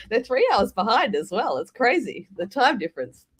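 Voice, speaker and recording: A woman's voice: on the high side, very animated, moderate pace, slightly rough. An Australian woman leads a casual livestream conversation. She keeps things loose and talkative, laughing freely between her remarks. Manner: chatty, laughs often. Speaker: co-host.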